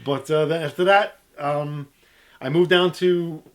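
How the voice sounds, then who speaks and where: A middle-aged man with a fairly high voice tells stories as an interview guest. He speaks casually, with joking, self-deprecating asides. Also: steady tone, measured pace. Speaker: interview guest, DJ and music history video maker.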